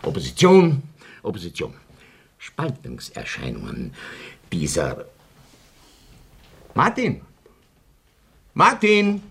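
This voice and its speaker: An actor playing a pompous, domineering middle-aged socialist politician in a radio play, husky and speechifying. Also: male voice, medium pitch, heavily acted. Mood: indignant. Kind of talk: theatrical radio play acting.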